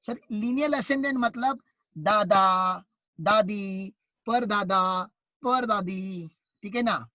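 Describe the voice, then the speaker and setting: A man with an Indian accent teaching an online class, lively and teasing as he quizzes his students. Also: very high voice, no room sound, muffled recording.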